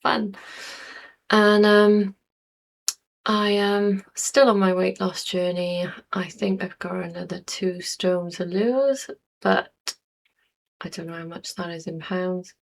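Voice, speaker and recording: Woman, 40s, vlogger; low-ish voice, slow and meandering casual chat. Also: steady tone, creaky. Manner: rambling, chatty, with frequent fillers and laughs. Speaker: YouTuber.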